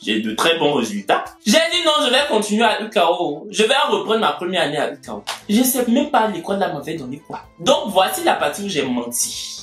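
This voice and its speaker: Young male storyteller, very animated delivery, roomy distant sound. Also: a little fast, few pauses. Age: young adult. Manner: animated, acts out dialogue with big pitch jumps. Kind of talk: casual personal storytelling. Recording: echoey room, mic at a distance, faint music.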